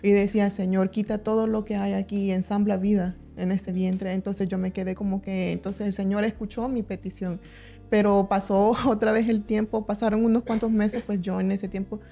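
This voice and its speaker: A young woman telling her personal faith testimony on a church podcast, earnest and halting, often restarting her sentences. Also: medium pitch, mellow. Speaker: church member giving testimony.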